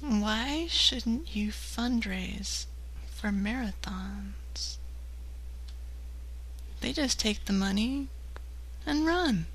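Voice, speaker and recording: A woman's voice: fairly high pitch, animated, very slow, long pauses, poor audio. A woman co-hosting a live comedy stream, telling dry jokes. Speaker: co-host.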